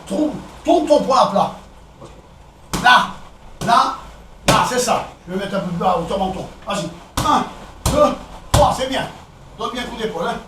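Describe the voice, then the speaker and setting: A man with a French accent coaching a boxing session, counting out combinations and calling out punches in short, brisk commands. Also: extremely high pitch, expressive. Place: echoey boxing gym. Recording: echoey gym, distant camera, background noise.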